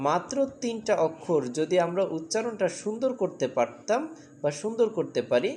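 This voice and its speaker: A woman from Bangladesh leads a children's English lesson with a slightly low voice. She keeps drilling the class and fires repeated questions at them. A faint ambient hum sits behind her. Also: a little mellow.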